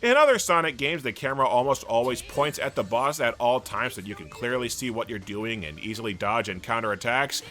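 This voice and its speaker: A man's voice: mid-range voice, animated, fairly quick, few pauses, sharp tone. A man narrating a scripted video game review, sarcastic and ranting, with frequent swearing. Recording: voice-over with faint music.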